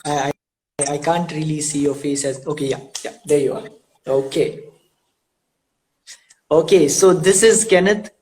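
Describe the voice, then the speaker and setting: A man's voice: fairly high pitch, measured pace, pauses often, a little mellow, slight background noise, poor audio. A young man hosting a casual interview over a video call, laughing often and stumbling over repeated words. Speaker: host.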